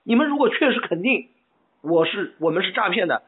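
Man, angry caller, stammering, repeats himself, husky high voice, phone-line sound. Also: very animated, a little fast. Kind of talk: heated phone argument.

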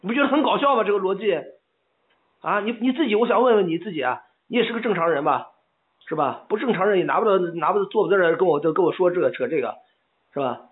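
A man's voice: high-pitched, animated, fast talker, breathy edge. A man on a phone call, arguing angrily and stammering as he repeats his points over and over. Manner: angry, stammering, repeats himself insistently. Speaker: caller complaining by phone. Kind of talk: heated phone argument. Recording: tinny phone line.

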